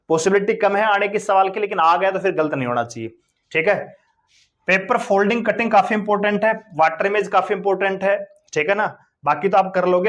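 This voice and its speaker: A young male teacher with a high voice talks students through exam preparation. He is chatty and repeats words as he goes. Every so often he stops to ask whether they are following. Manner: chatty, repeats words, checks understanding with quick questions. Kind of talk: casual coaching lesson.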